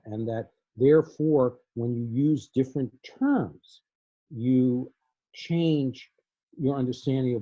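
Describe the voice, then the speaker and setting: An older man speaks with a mellow, slightly husky voice, circling his points with restarts and repeated words. The sound is dry and dull, like audio from a video call. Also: medium pitch, no room sound. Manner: thoughtful, halting, many restarts and repeated words. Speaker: poet in conversation. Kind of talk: conversational interview.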